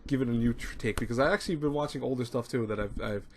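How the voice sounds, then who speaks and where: A man of thirty talks quickly and casually into a desk webcam, stumbling over his words and circling back with fillers. His pitch sits mid-range, and a faint hum of ambience with people talking nearby fills the small room behind him. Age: 30s. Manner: rambling, repeats words, frequent fillers. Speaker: anime review channel host. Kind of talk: casual talk to camera. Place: small home room with shelves, indoors.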